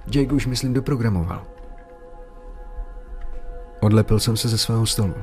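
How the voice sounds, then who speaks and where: A man with a fairly low voice telling a horror story in a steady, scripted way. He occasionally gets louder for the characters' lines. Faint music plays underneath. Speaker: narrator.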